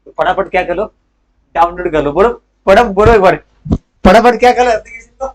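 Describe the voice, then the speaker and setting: A young male teacher with a high voice runs a lively commerce lesson. He fires quick questions at the class and answers them himself, dropping English terms into his talk. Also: rough recording. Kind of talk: live class lecture.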